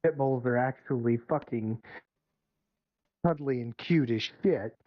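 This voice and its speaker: A man's voice: mid-range voice, a little slow, no room sound. A man streaming with friends, chatting casually, blunt, profane and joking. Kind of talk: casual chat. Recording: dull lo-fi stream mic.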